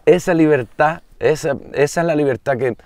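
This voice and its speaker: A man, a singer-songwriter, in casual conversation, telling lively anecdotes. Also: on the high side, moderate pace, no room sound. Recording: slightly distant, dry mic.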